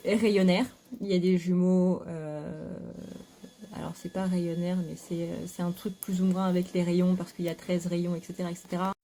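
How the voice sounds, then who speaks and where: A spiritual YouTuber with a lowish, dark voice talks at a normal speed with little pitch movement, addressing her viewers frankly from home. Her casual monologue to camera is full of fillers and restarts, and the audio has a little hiss or hum, with a vacuum cleaner running nearby.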